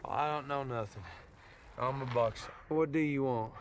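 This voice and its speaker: A man acting a wary, defiant American soldier in a film, with a gravelly voice and a General American accent. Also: mid-range voice, a little slow, close to an everyday voice. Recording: noisy, distant film soundtrack clip.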